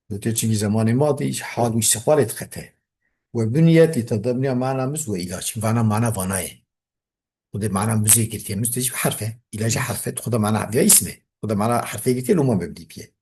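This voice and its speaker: A man's voice: fairly low pitch, quick pace, darkish tone, a little hiss or hum. A man with a Kurdish accent teaching a classical grammar text, reading it aloud and then explaining it.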